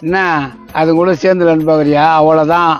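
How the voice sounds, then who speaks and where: A man's voice: on the high side, level tone, a little fast, lo-fi sound, faint music behind, natural voice. A man dubbing a meddling male neighbour, jeering and accusing in a comic fan dub.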